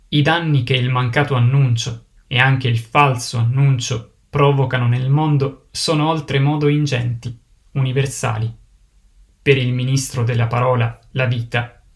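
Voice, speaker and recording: A man delivers a sermon in a mid-range voice. His delivery is solemn and measured, each phrase set down with deliberate weight. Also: mid-range voice, gravelly. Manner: solemn, measured preaching cadence. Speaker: preacher.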